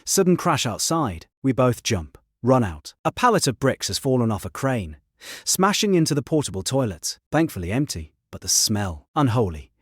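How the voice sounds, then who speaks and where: Husky deadpan male storyteller. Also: mid-range voice, normal speed, dry recording. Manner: dry, deadpan delivery in short clipped sentences. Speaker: story narrator. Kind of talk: first-person story narration.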